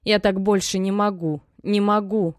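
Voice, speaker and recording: A woman voices a desperate young mother for an audiobook, her dry, cracked voice trembling with tears as she pleads and reproaches. She speaks a little slowly, with a fairly low, darkish, natural-sounding voice and no echo.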